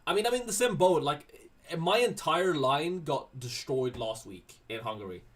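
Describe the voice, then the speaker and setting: Answering chat questions on a relaxed livestream, this Swedish host talks at a normal speed. His voice sits on the high side, with lively intonation and a fairly bright tone.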